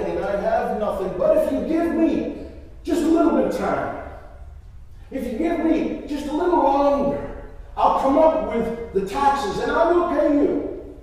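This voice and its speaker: A man's voice: high voice, warm tone. A man preaching who voices a poor blind man as he begs for more time to pay. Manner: humble, pleading. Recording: echoey church hall from far off.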